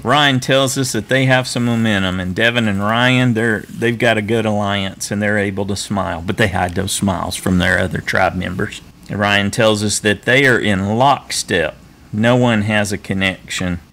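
Low-voiced man co-hosting a recap chat. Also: fairly even intonation, moderate pace, creaky, fairly bright tone. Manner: chatty, teasing, laughs often. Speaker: podcast co-host.

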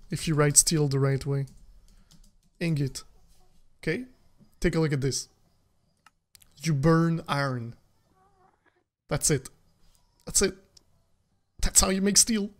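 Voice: medium pitch, takes it slowly, long pauses. A game streamer giving casual, chatty commentary to viewers while playing, laughing often.

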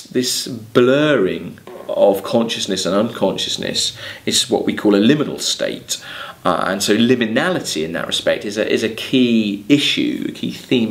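Seated at a desk in a small plain room, a man in his thirties with an English accent lectures on literature. His voice is lowish, and he reads verse aloud, then explains it in hesitant, exploratory phrases.

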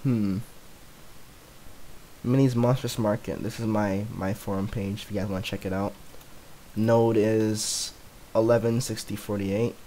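A man's voice: on the low side, steady tone, measured pace, long pauses, dark tone, a little hiss or hum, low-quality recording. Laid-back young man rambling about gaming. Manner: filler-heavy rambling, "like" everywhere; chuckles often. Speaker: gaming YouTuber. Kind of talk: casual gameplay commentary.

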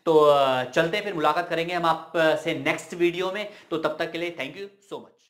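Young male tutor, slightly high voice, casual, quizzes his class and answers himself. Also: normal speed, fairly bright tone. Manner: chatty, asks and answers his own questions. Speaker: English grammar teacher. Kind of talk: casual spoken-Hindi grammar lesson.

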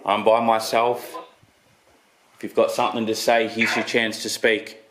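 Inside a derelict, empty house, a paranormal investigator in his thirties addresses spirits while narrating his vlog in real time. His lowish voice is a bit bright, flat in delivery, and measured in pace, captured on a noisy handheld camera with clicks.

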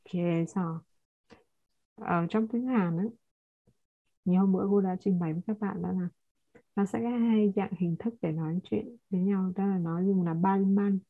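A woman's voice: mid-range voice, creaky. Brief: woman language teacher, patient explainer, thin phone-like audio. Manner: explains patiently, repeats and corrects pronunciation. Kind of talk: online class teaching.

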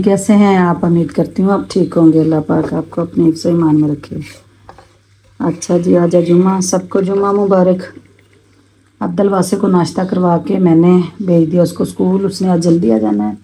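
A woman's voice: lowish voice, steady tone, normal speed, warm tone, husky, rough recording. A middle-aged woman chatting homely to her viewers as she cooks in her home kitchen, filmed on a phone camera. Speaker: cooking vlogger. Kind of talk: casual cooking vlog narration.

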